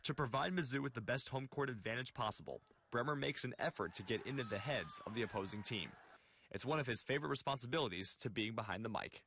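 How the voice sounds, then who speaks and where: A young man reading a scripted television news report in a measured way. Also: medium pitch, expressive, a bit bright, a little hiss or hum. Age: young adult.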